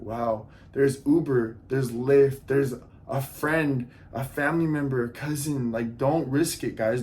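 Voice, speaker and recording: A man's voice: medium pitch, slight background noise. A man in a casual storytime vlog, earnestly retelling events and acting out what people said, often turning to talk to his viewers directly. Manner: animated retelling, acts out dialogue. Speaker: vlogger.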